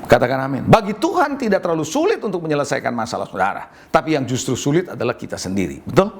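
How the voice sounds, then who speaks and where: A middle-aged Indonesian pastor preaches with a high, rough-edged voice that swoops up and down. He keeps calling out to his congregation for amens and acts out quotes in other voices. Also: fast talker, slight background noise. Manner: lively preaching with audience call-outs and acted quotes. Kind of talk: sermon.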